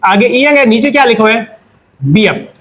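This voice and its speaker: High-voiced man teaching Korean pronunciation. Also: big pitch swings, fairly bright tone. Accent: Pakistani Urdu. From Pakistan. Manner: asks questions and answers them himself, repeating drilled words; slows down to spell out example words. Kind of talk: classroom lesson explanation.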